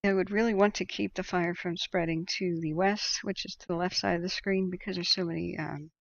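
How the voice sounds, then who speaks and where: An American woman hosting casual live commentary, thinking aloud in a loose, unhurried way and reading out comments. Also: lowish voice, fairly even intonation, vocal fry, no room sound. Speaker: livestream host tracking wildfires. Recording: dull, muffled close microphone.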